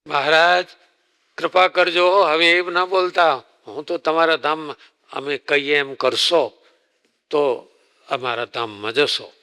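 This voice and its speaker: A man's voice: mid-range voice, sharp tone, in a large hall. A man, a swami preacher, telling a devotional story as a sermon and acting out the dialogue. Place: temple hall.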